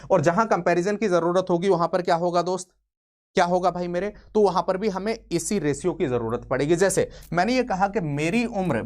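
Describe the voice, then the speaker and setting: A man in his twenties teaching a maths lesson for exams, chatty and joking, asking questions and then answering them himself. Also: on the high side. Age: 20s. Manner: chatty and joking, calls viewers friend. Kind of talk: exam-prep lesson.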